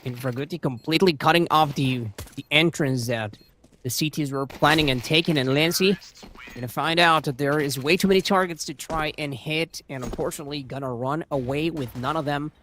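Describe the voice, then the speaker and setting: Higher-pitched male esports caster. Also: fairly quick, a bit bright, slight background noise. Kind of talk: live esports commentary.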